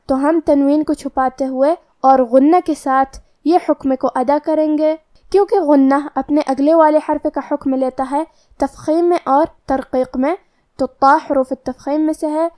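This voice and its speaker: A woman with a high, light voice teaches tajweed, breaking each word down letter by letter. She explains every rule in a calm, measured voice-over, steady and patient. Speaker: Quran recitation teacher. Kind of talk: tajweed lesson, explanation and slow recitation.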